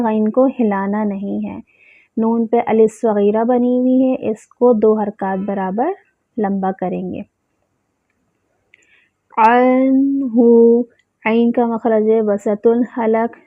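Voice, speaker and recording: A woman teaching Quran recitation rules, who recites words slowly and drawn out and then explains them plainly. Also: mid-range voice, no room sound. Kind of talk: tajweed lesson. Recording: tinny phone-like sound, dry.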